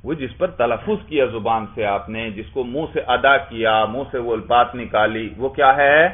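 A man teaching a class, explaining step by step and asking his students questions that he then answers himself. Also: medium pitch. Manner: explains with repeated questions and answers, often adds "bhai". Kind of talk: classroom lecture. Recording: tinny phone-like sound.

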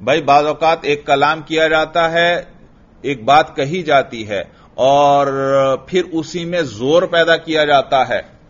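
A man teaching Arabic grammar in to a class, slowly repeating phrases and quizzing his students. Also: a little high, highs cut off. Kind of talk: classroom lesson.

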